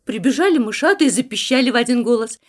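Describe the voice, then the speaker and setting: A woman narrating a children's fairy tale in an expressive, sing-song way. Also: on the high side, fast talker. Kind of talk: storybook reading for children.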